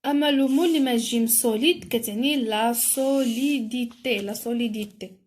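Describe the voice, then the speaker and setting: A woman with a Moroccan accent, explaining a French lesson and reading sentences slowly and carefully, as in a dictation. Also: a little high. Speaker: teacher.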